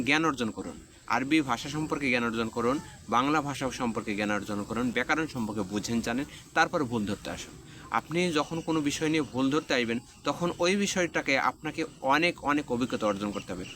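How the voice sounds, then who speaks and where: A man's voice: medium pitch, a bit bright. Lecturing man, faint background hiss. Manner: didactic, lecturing, stacks repeated phrases; spells out letter sounds emphatically. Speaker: video commentator. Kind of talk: direct-to-camera lecture.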